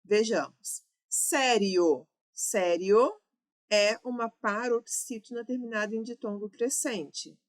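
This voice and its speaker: A woman's voice: on the high side, fairly even intonation, unhurried, few pauses. A woman with a Brazilian Portuguese accent teaching an exam-prep grammar lesson, explaining step by step and correcting herself as she goes.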